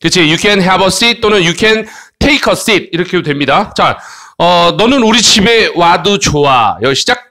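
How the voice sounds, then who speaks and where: A man with a high, bright voice leads a children's English lesson. He coaxes his young listeners along and checks in with short tag questions again and again. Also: animated, a little slow. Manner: coaxing, frequent tag questions. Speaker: English teacher.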